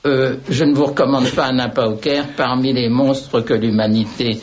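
A man's voice: medium pitch, fairly even intonation, normal speed, a little hiss or hum. An older man, a radio guest, telling rambling anecdotes with wry asides. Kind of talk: radio conversation. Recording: dull radio sound.

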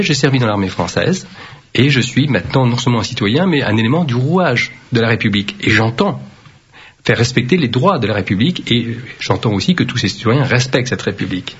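A man who serves as a mayor, answering interview questions firmly and deliberately, with frequent hesitations. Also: mid-range voice, expressive, a bit bright, slight background noise. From Vietnam. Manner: firm, measured, with frequent hesitations. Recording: dull lo-fi radio recording.

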